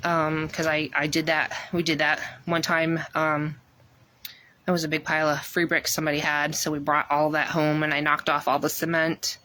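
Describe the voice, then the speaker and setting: A woman's voice: deep voice, level tone, moderate pace, bright, forceful tone, slight background noise. A woman talking in a rambling, chatty way on a casual garden tour, filming herself outdoors with a phone while out of breath. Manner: rambling, many ums, chatty. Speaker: gardening vlogger.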